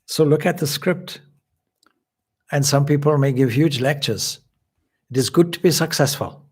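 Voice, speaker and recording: Man from zimbabwe giving a spiritual talk, gravelly kinda husky voice, measured and explaining. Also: fairly high pitch. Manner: measured, explanatory, with occasional restarts. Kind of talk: spiritual lecture.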